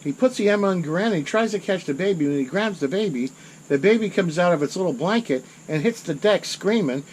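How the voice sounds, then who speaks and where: A man's voice: high voice, expressive, a little fast, darkish tone, a little hiss or hum, poor audio. A middle-aged man telling a war story in a rambling, self-correcting way. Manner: rambling, self-correcting, rises in intensity at dramatic moments. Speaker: channel host. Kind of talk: casual storytelling monologue.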